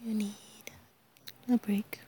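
A woman whispering an ASMR comfort roleplay, soft and soothing, often giggling and humming quietly. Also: slow pace, slight background noise.

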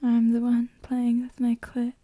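A woman in an intimate, erotic ASMR role-play for one adult listener, breathy and halting, speaking right in the ear. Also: on the high side, completely flat delivery, warm tone, dry recording, rough recording. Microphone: very close microphone, dry.

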